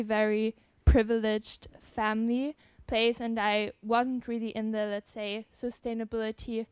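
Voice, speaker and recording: A young woman from Switzerland speaks earnestly on a panel, pausing softly as she gathers her thoughts. Her voice is smooth and clear, with a fairly flat melody. The sound is close and dry. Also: on the high side, no room sound. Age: young adult. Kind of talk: personal statement on a panel.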